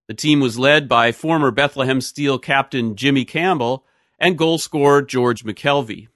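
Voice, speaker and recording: A man's voice: mid-range voice, unhurried, a bit bright, no echo, studio quality. A man reading a scripted history narration as a podcast host. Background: music.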